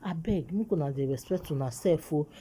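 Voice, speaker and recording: A woman's voice: low voice, a little fast, mellow, slightly rough. A woman with a Nigerian accent giving casual gossip commentary in Nigerian Pidgin as a vlog host, urging listeners and repeating phrases for emphasis.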